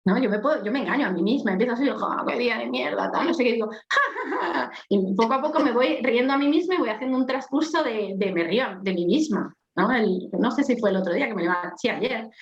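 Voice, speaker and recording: A woman with a strong voice, talking on a coaching podcast. She keeps it casual and animated and acts out small scenes as she goes. The recording is echoey and a little dull. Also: fairly high pitch, fast, few pauses. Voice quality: strong, forceful voice. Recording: echoey, slightly dull sound.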